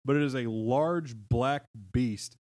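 A man's voice: mid-range voice, slow pace, no echo, studio quality. A man hosting a comedy podcast, telling folklore stories with lots of swearing and laughter. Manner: swearing, laughing, animated storyteller. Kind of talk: casual comedic storytelling.

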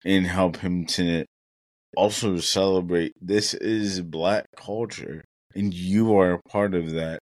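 A man's voice: sits low, fairly even intonation, slow, darkish tone, no room sound. A young man co-hosting a casual podcast, talking in an earnest, reflective way and thinking aloud with many fillers. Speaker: podcast co-host.

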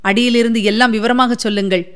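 Woman doing a stern young prince, firm and controlled, clear highish voice, audiobook. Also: steady tone, fast talker, natural voice. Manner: firm, restrained, commanding.

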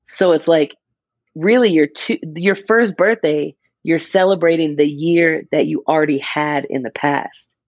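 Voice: mid-range voice, a little slow, no room sound, muffled recording. A person in their mid-twenties chatting casually on a podcast, rambling and restarting as they explain an idea. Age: 20s. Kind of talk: casual chat.

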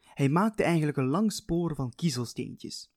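A man's voice: fairly high pitch, expressive, a little slow, darkish tone, dry recording, studio quality. A man narrating a fairy tale in a playful, chatty way, talking straight to the listener. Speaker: storyteller.

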